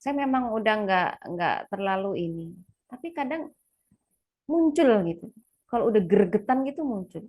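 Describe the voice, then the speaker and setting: A woman speaking to a live audience in a casual, confiding way, with a voice that sits fairly high. She is chatty and laughs often. She acts out quoted lines by jumping to a sudden, much higher voice. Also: expressive, moderate pace, darkish tone. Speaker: speaker sharing parenting experience.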